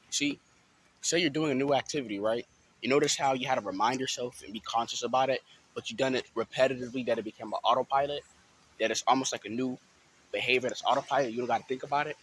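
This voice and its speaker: A man's voice: mid-range voice, fast talker, a bit bright, a little hiss or hum. A man vlogging about spiritual awareness in a rambling, casual way, full of fillers and repeated check-ins with his listeners. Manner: rambling, filler-heavy, keeps asking "you know what I'm saying". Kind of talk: casual motivational talk.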